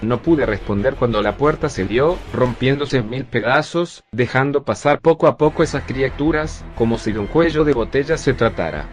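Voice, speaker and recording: A male text-to-speech voice narrating a first-person zombie story in a steady, even reading. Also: mid-range voice, normal speed, few pauses, soft background music.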